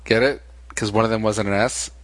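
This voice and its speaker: A man co-hosting a casual late-night podcast chat, teasing his partner with deadpan jokes. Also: lowish voice, brisk, dry recording. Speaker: podcast co-host.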